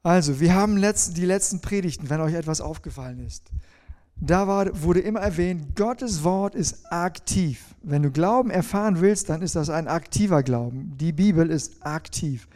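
A man's voice: on the high side, expressive, moderate pace, darkish tone. A middle-aged man preaching a sermon to his congregation, asking them questions and demonstrating with a folding rule as he talks. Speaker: pastor.

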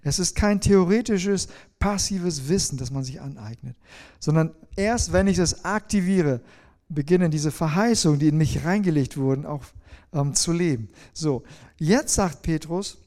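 Warm-voiced man preaching a lively sermon. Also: on the high side, normal speed. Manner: lively preaching, asks the congregation questions, shows a folding rule. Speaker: pastor.

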